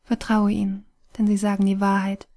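A woman voicing a weary, wise phoenix spirit that is fading away, speaking calmly and softly in an audiobook reading. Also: mid-range voice, moderate pace, close to an everyday voice. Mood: gentle, sorrowful.

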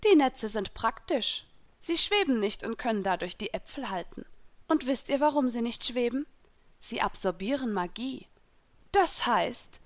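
A woman voicing a mocking young villainess in a fan fiction reading, taunting in a raised, louder voice. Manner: taunting, sneering, louder and higher.

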